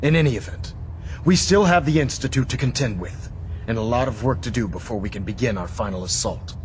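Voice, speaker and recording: A man plays a commanding military leader from a video game, with a mid-pitched voice and formal, measured delivery. He sounds stern and authoritative, over a faint background hum. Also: lightly acted. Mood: solemn, commanding. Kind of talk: scripted video game dialogue.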